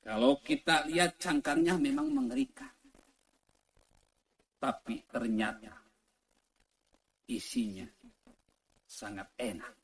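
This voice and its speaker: A man delivering a fiery political sermon, asking the audience questions and repeating phrases in rhythmic lists, swinging between loud high cries and low quiet drops. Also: very animated, slow pace, vocal fry, long pauses. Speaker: preacher.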